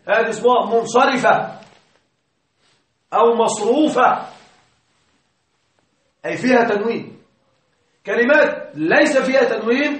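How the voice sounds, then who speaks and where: A male grammar teacher giving a classroom lesson, patiently explaining, quizzing his students and chanting quoted verses slowly. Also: extremely high pitch, a bit bright. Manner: recites verses in slow measured chant. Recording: echoey classroom from far off.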